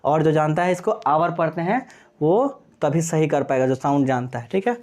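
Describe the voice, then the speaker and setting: An animated man with a slightly high, somewhat mellow voice teaches English grammar in Hindi at a moderate pace. In this classroom-style lecture he spells words out one letter at a time and answers the questions he raises himself.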